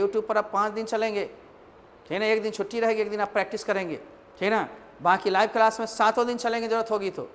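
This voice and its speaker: A man teaching English grammar, explaining step by step and teasing his students as he repeats examples. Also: sits high. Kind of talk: Hindi-language grammar lecture. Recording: long reverb, echoey room.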